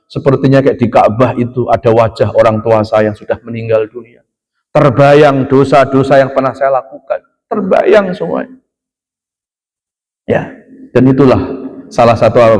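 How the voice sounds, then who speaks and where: Preacher with a long mosque echo. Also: male voice, mid-range voice, darkish tone. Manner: conversational, addresses audience as "Pak", asks and answers questions; chants Quran verses slowly. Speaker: Islamic preacher. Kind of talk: mosque study sermon. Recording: long hall reverb.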